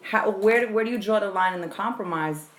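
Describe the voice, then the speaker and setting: A woman's voice: medium pitch, a little fast, reverberant. A woman hosting a casual podcast chat, asking probing, frank questions. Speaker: podcast host.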